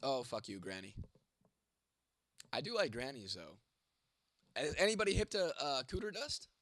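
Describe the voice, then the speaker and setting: A young man chats loosely with his livestream audience, swearing freely and answering comments one by one. His voice sits at an ordinary middle pitch and is recorded close and dry in a small room. A sore throat gives him the odd cough. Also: big pitch swings, moderate pace, a bit bright, no echo. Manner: profane, rambling, answers chat comments by name. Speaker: livestream host reading chat. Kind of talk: casual livestream chat.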